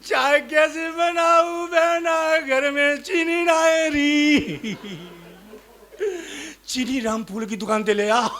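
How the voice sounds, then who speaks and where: A man's voice: very high-pitched, takes it slowly, sharp tone, pitched above the performer's own voice, heavily acted. A male comedian voicing village women who wail and keen in a sing-song way over a dead old man.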